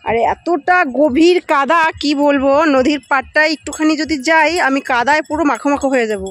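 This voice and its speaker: A young woman vlogger with a high voice chats fairly quickly to her viewers while walking outdoors along a muddy riverbank. It's a casual travel vlog, and she talks straight to the camera as she goes.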